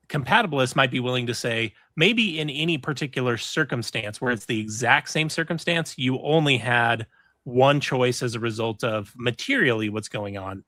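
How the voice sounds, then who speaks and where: A man's voice: medium pitch, pushed and bright, no echo. A man hosting a podcast in casual discussion, asking questions and checking his understanding. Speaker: podcast host.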